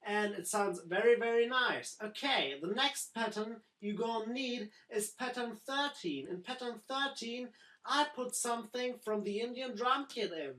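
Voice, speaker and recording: A woman giving a screen-recorded music software tutorial, in simple phrasing that doubles words like "very, very". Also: on the high side, a little slow, roomy sound, low-quality recording.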